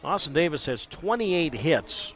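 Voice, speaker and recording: A man calling live baseball play-by-play from the ballpark, relaxed and conversational, with dry sarcastic asides. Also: on the high side, a little slow, soft background music. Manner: conversational, wry asides, filler "uh" between counts. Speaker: play-by-play announcer.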